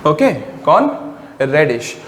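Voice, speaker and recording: Higher-pitched man lecturing in a reverberant room. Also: sing-song. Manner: repeats key terms as questions to the class, answers himself; slows down to dictate English definitions. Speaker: biology teacher. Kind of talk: classroom lecture in Hindi-English mix. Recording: long reverb, faint background noise.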